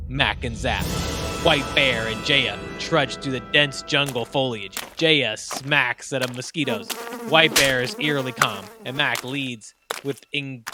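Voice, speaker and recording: A man co-hosting a podcast, chatting jokily and reading out a comedy script, laughing and restarting lines. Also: mid-range voice. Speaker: podcast co-host. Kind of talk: casual chat and script reading.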